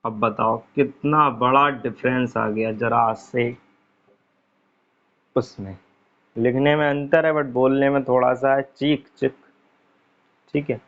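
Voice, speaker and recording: Slow-talking man teaching English. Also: mid-range voice, fairly even intonation. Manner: repeats words slowly while writing on a board, frequent 'theek hai'. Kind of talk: casual online lesson. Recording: dull lo-fi recording.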